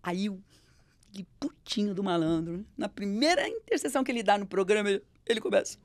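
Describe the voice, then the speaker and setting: A middle-aged Brazilian Portuguese woman telling stories in an interview, animated and acting out the voices of the people she quotes. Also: medium pitch, fast talker, no room sound. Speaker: interview guest. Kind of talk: storytelling in an interview.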